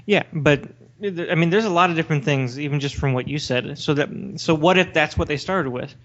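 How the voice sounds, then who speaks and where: Fairly high-pitched, brisk and a bit bright, this podcast co-host pushes back in an argumentative, challenging debate style on a casual show. The audio is lo-fi and slightly dull.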